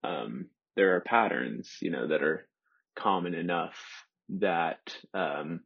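Hesitant, husky-voiced young man in his twenties. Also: sits low, animated. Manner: hesitant, soft-spoken, many pauses and fillers. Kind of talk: introspective solo monologue. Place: sitting alone in a room. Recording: dull lo-fi recording.

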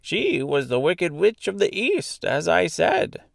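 A man performs a full character voice as a small, elderly good witch from a storybook, calm and kind-hearted. He speaks slowly and deliberately, drawing out his explanations, with wide pitch swings and a bit of creak. The studio-quality recording has no echo.

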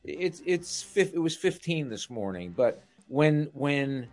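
A man's voice: fairly high pitch, animated, slow pace, a little mellow, soft background music. An older man, a veteran sportscaster on a radio show, chatting casually and reminiscing with frequent restarts.

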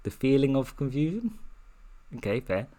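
A man's voice: mid-range voice, big pitch swings, normal speed, dark tone. A man co-hosting a comedy podcast, reading a steamy story aloud in a playful, giggly, mock-dramatic way.

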